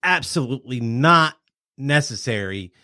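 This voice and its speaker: A man's voice: mid-range voice, expressive, measured pace, sharp tone, no echo, studio quality. Man reading movie facts from notes. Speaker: podcast host. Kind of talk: casual movie chat.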